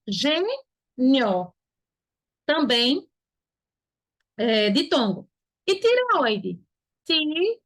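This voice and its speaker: A high-pitched Brazilian woman teaches an online Portuguese lesson. She sounds words out slowly, one syllable at a time, then checks in with her students before moving on. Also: a bit bright. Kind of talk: online exam-prep lesson.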